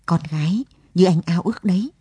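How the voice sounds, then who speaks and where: A woman's voice: fairly low pitch, a little fast, dark tone, breathy edge, no echo. Woman reading as a tearful, bewildered young mother. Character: young mother searching for her husband.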